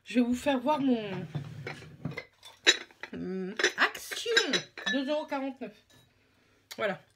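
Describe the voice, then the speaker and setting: At home applying makeup, a young beauty vlogger from France chats in a rambling, slangy, self-deprecating way. Her voice is a little high, her pace moderate, and background noise can be heard.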